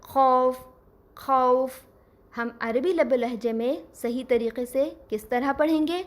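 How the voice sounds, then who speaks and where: A woman teaching Quran recitation, explaining patiently step by step and slowing down to model each sound. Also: on the high side, a little mellow. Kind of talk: scripted lesson.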